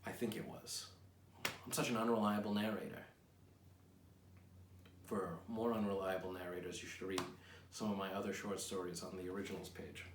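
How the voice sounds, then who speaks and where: An American man in his thirties, a writer presenting his own work, rambles wryly and self-deprecatingly in a casual vlog with poem readings. His voice is low and flat at normal speed, with long pauses. He's in a small home office, caught by a camera mic a few feet away, with roomy echo and clear noise.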